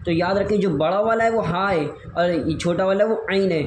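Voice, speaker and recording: Guy teaching letter by letter, highish voice, echoey room. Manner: slow, patient, repetitive drilling. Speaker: Quran reading teacher. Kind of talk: spoken lesson, spelling out letters. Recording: echoey room with faint hiss.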